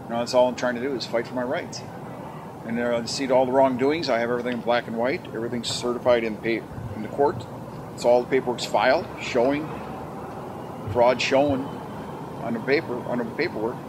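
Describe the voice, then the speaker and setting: A man's voice: medium pitch, steady tone, a little fast, noisy background. A man facing foreclosure, speaking earnestly and plainly outdoors.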